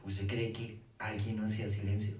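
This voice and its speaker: A Colombian man giving an animated talk to a live audience, asking rhetorical questions and acting out dialogue. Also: on the low side, normal speed. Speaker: speaker on children's faith. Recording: echoey room from far off, faint hiss.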